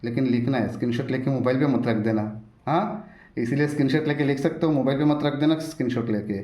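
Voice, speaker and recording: A man's voice: medium pitch, quick pace, dark tone. A man teaching an exam-prep lesson in a roadside coaching centre, often repeating himself and urging viewers to stay, recorded without a microphone. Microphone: no microphone, device's built-in mic. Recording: echoey room without a microphone. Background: occasional road traffic.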